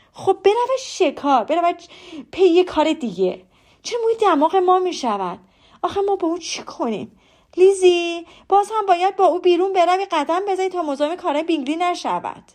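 A woman reading an audiobook, voicing a fussy, excitable middle-aged mother who complains loudly. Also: sits high. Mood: indignant complaining. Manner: loud, exclaiming, scolding. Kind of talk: audiobook character voice.

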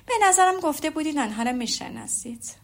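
A woman reading the lines of a witty, teasing young lady in a storybook, with an ironic, lively manner. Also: sits high, voice pushed up.

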